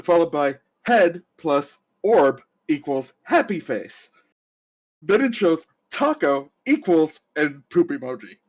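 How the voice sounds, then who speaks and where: A man's voice: fairly high pitch, very animated, slow pace. A man narrating a tabletop game as game master, explaining rules with easy laughter. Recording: dull lo-fi audio.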